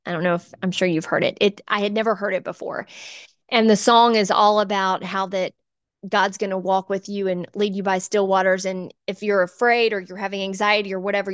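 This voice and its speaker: A woman's voice: medium pitch, dry recording. Earnest woman telling her testimony. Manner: earnest, emotional, gets choked up. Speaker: church volunteer guest. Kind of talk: personal testimony storytelling.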